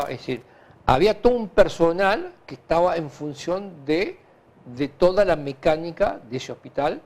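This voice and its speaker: Man, Uruguayan Spanish accent, slightly high pitch, very lively intonation, halting, repetitive, conversational interview guest. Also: gravelly. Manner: animated, halting and repetitive, with frequent filler tags. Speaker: interview guest, hospital director. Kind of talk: conversational interview answers, anecdotal.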